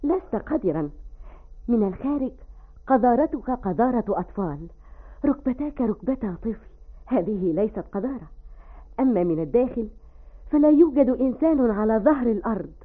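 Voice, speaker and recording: An actress playing a clever young woman, fond and gently bossy toward her boyfriend, in an old radio drama. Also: on the high side, expressive, normal speed, pauses often, slightly rough. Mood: affectionate. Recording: tinny lo-fi old radio recording.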